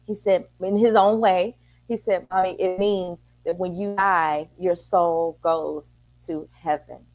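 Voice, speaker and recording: A woman's voice: lowish voice, steady tone, slow, a little mellow. A middle-aged woman, a city council member and parent, talking earnestly on a talk show and acting out the exchanges she quotes. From Texas.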